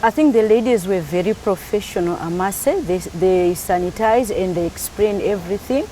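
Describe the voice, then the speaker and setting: A woman's voice: mid-range voice, moderate pace, warm tone, slight background noise, rough recording. A middle-aged woman from Malawi, talking in a casual interview and laughing easily.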